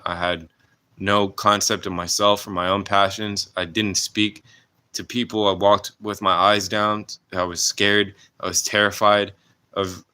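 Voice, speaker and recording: A man in his late twenties talking earnestly and haltingly about his life in a personal vlog, with many restarts and fillers. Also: fairly low pitch, pushed and bright, clear, resonant tone. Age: 20s. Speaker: vlogger.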